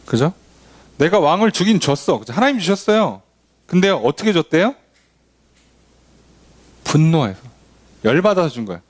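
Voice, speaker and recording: Guy pastor doing a bible study, voice jumps all over, pitched a bit high, chatty and acts out little quotes. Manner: animated, acts out quoted voices, asks the congregation questions; casual conversational teaching with rhetorical questions.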